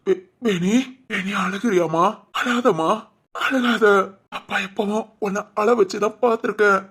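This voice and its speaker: A woman's voice: mid-range voice, a little slow, fairly bright tone, husky. A woman voicing a dying middle-aged father in a doll-film drama, breathless, faltering and apologetic. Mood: gentle remorseful.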